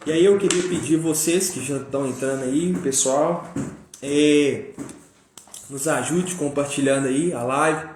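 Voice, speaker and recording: A Brazilian man hosting a daily religious live stream in a relaxed, chatty way, with many fillers and tag questions. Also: on the high side, measured pace. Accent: Brazilian Portuguese. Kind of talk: casual live-stream talk. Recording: echoey room with faint noise.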